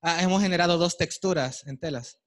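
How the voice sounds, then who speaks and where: Male workshop leader, higher-pitched voice, encouraging and easygoing with a live group. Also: fairly quick. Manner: warm, encouraging, pointing out pieces to the group. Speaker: workshop instructor. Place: workshop room with attendees.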